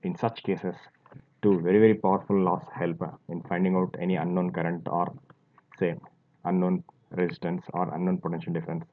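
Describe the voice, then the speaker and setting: A man's voice: sits low, level tone, fairly quick. A man teaching a physics lesson, explaining step by step as he draws, with fillers and restarts. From India. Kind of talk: classroom lecture while drawing. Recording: tinny phone-like audio.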